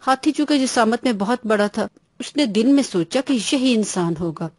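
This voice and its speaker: A woman's voice: a little high, animated, a little mellow, dry recording, clean studio sound. Woman reading a bedtime story. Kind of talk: children's bedtime story narration.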